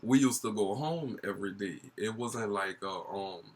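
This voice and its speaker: A man's voice: on the low side, moderate pace. A young man with a New Orleans accent telling a casual vlog story in a gossipy, sassy, slangy way. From New Orleans, USA. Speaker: YouTube storyteller.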